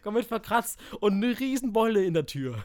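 A man telling a story in casual chat, animated, acting out quotes, swearing and laughing. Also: high-pitched, a little fast, clean tone. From village.

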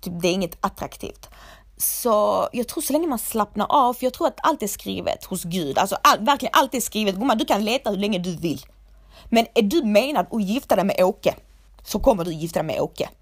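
A woman's voice: mid-range voice, animated, breathy edge. A young woman talks casually and bluntly, handing out advice like a big sister. She swears freely and keeps calling her listener "gumman". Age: 20s. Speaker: vlogger giving advice. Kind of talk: casual advice talk to camera.

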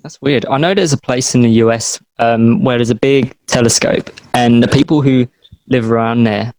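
Young man, podcast co-host, excitable, dry close mic, casual chat. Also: mid-range voice, normal speed, no echo, low-quality recording. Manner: excitable, playful, stumbles over his words.

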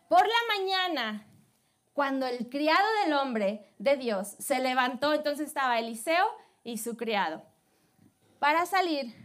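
A woman preacher retelling a Bible story in a lively, animated way, laughing often as she talks to her church. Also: sits high. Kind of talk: sermon storytelling.

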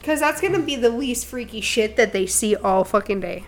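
Profane, animated young woman chatting. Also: fairly high pitch, moderate pace, slight background noise. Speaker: podcast co-host. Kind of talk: casual chat.

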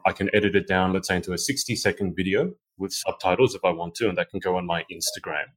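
A man hosting a podcast interview, chatty and thinking aloud with frequent restarts. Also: low-pitched. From Australia. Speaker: podcast host. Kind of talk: conversational interview.

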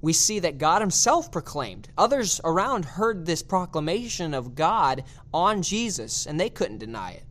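Man, preacher, sermon, reads scripture, slow emphatic phrasing. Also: on the high side, very animated, a bit bright. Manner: slows down to stress key words.

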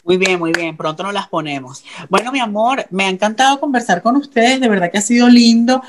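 A man's voice: sits high, a little fast, background noise. A man hosting a casual podcast chat, upbeat and affectionate with his guests. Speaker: podcast host.

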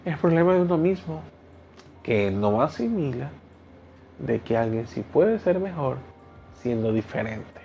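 Gravelly man in his thirties, Ecuadorian. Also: medium pitch, animated, unhurried, long pauses. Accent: Ecuadorian Spanish. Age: 30s. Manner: blunt, preachy, talks straight to the listener. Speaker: podcast host. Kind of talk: motivational solo podcast. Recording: dull lo-fi sound with faint music.

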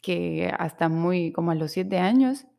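A woman's voice: on the low side, unhurried, creaky, dark tone. A young adult woman, hosting a podcast and telling a personal story in a candid, emotional way. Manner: candid, emotional storytelling with self-quoted inner speech. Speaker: podcast host. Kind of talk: personal confessional monologue.

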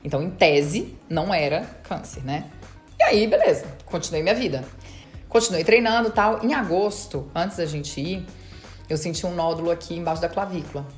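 A woman guest on an interview podcast, casually recounting her story in a fast, chatty way and quoting past conversations. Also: fairly low pitch, lively intonation, faint music behind. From Brazil. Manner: fast, chatty retelling with quoted dialogue. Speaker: dentist and marathon runner.

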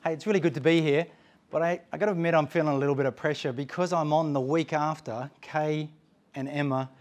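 A man in his forties gives a relaxed, conversational church talk, and his voice sits a touch higher than most men's. He tells funny family stories with lively energy and acts out the voices of the people in them. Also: quick pace, over music. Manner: animated storytelling, acting out quoted voices. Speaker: guest speaker at a church. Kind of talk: informal sermon with humorous anecdotes.

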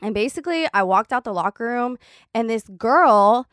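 A woman's voice: fairly high pitch, normal speed, clean tone, no echo, clean studio sound. Profane, chatty woman telling a story. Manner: profane, animated, heavy use of "like". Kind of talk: casual storytelling chat.

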